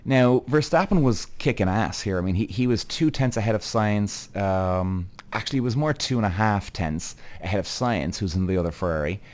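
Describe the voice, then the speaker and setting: A man's voice: lowish voice, normal speed, few pauses, darkish tone. This is a man with a Cork accent from the south of Ireland, talking as the host of a show. He gives casual motorsport commentary with emphatic, blunt opinions. His delivery is conversational and peppered with swearing. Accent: Cork Irish.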